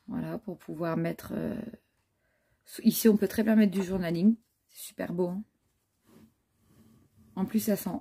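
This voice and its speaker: On the lower side and warm with a slight huskiness, this woman's voice guides viewers through a handmade scrapbook in a casual show-and-tell. A scrapbooking vlogger, she chats in an admiring way, often pausing to admire pages and filling her talk with many small hesitations.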